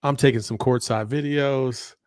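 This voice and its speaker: A man's voice: mid-range voice, normal speed, no room sound, clean studio sound. A man co-hosting a podcast, telling stories with lots of laughter in casual chat. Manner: laughing, animated storytelling. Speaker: podcast co-host.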